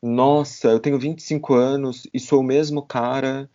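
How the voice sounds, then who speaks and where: A man's voice: medium pitch, little pitch movement, normal speed, warm tone. A man in his thirties hosting a podcast, thinking aloud in a reflective, hesitant way, often repeating words and restarting. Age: 30s. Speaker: podcast host. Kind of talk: reflective casual chat. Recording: slightly dull podcast audio.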